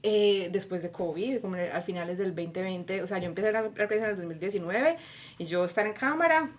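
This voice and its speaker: In a brisk, mid-range voice, a woman from Colombia shares her life story on a podcast, acting out her inner voice with plenty of animation. The conversation is a casual interview, and she speaks with a Colombian Spanish accent.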